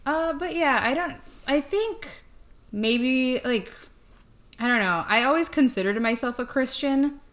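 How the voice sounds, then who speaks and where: A woman's voice: sits high, animated, a little slow, fairly bright tone. Chatty young woman podcast co-host. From Chicago area. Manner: chatty, swears freely, many "like" fillers. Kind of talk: casual chat.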